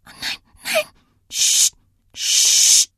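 A woman's voice: very slow, bright, forceful tone, dry recording, studio quality, heavily acted. A woman voicing a frightened little girl who whispers faintly and sobs on a phone call.

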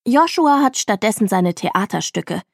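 A woman narrating a children's book in the first person with expressive storytelling and lively rises. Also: mid-range voice, a little slow, gravelly, no room sound, studio quality. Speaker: audiobook reader.

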